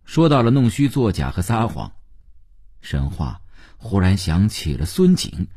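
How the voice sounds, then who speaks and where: A man narrating a novel as an audiobook, in an expressive storytelling way. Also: deep voice, unhurried, breathy edge.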